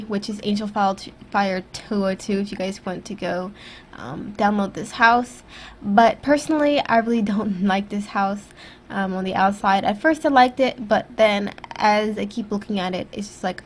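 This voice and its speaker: A young YouTube gaming creator comments casually over her video, rambling, self-critical, and full of fillers. Her mid-range voice sounds stuffy and throaty after being sick, she speaks at normal speed, and her USB desktop microphone picks up slight background noise.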